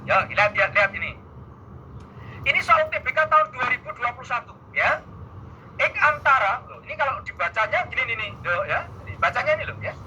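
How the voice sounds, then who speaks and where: A man's voice: extremely high pitch, animated, brisk, bright, forceful tone, lo-fi sound, slight background noise. A man teaching an exam-prep math lesson, playful and teasing, talking back and forth with his students. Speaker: math tutor.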